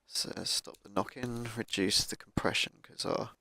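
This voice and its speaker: Croaky laid-back man. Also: lowish voice, fairly even intonation, normal speed, sharp tone, no echo. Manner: thinking aloud, laid-back, with fillers. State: croaky voice from a cold. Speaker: gaming YouTuber. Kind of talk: casual gameplay commentary. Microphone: cheap microphone.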